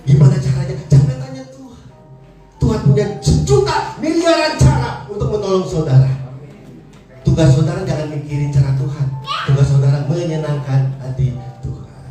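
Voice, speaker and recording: A male preacher, giving a lively sermon and acting out characters in slangy voices. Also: fairly high pitch, normal speed. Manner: animated, acts out characters in slangy voices, laughs often. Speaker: evangelist preacher. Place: church hall. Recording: echoey church hall, voice from far off, music behind.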